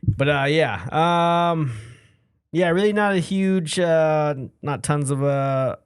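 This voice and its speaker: A man's voice: fairly high pitch, smooth. A man co-hosting a podcast, chatting loosely and rambling with frequent restarts. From California. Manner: rambling, halting, many restarts. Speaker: podcast co-host. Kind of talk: casual chat.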